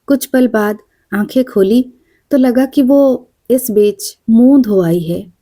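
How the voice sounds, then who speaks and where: Slow, mellow woman storyteller. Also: on the high side. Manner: slow, measured and quiet. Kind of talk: audiobook narration of a short story.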